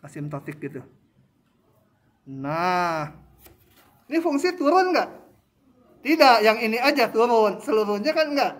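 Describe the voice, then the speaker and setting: Male math lecturer, unhurried, quizzes the class, thinks aloud at the board. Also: very high-pitched, sing-song. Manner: drawing graphs while explaining, quizzing students with questions; slow, thinking aloud with fillers. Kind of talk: university math tutorial.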